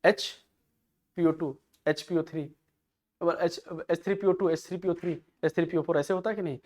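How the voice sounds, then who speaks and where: A man teaching an exam-prep chemistry lecture has a high-ish, darkish voice with fairly even intonation and a normal pace. Rhetorical questions come up constantly, which he answers himself, and he calls his students "beta" with affection.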